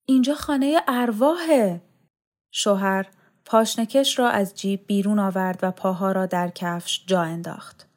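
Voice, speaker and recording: Calm woman reading a novel aloud. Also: mid-range voice. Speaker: audiobook narrator. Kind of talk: scripted literary narration.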